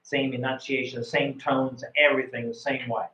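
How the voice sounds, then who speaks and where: This is a middle-aged American man giving relaxed, meandering coaching to a speaking student, often pausing on "uh" and repeating himself. His voice sits at an ordinary pitch. The recording is roomy and a little dull, like a lo-fi live stream. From United States. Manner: rambling, many fillers and repeated words. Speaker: IELTS speaking tutor.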